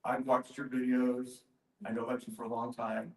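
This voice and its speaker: A man's voice: mid-range voice, level tone, normal speed. A man asking a casual question from the audience at a workshop, explaining himself earnestly step by step. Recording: roomy, echoing live event sound.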